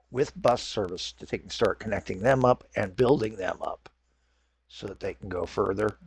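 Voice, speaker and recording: Low-quality audio without room sound captures a let's-play host whose lowish voice is creaky with a breathy edge. Congested from a head cold and sore in the throat, he rambles through casual game commentary, correcting himself and apologizing.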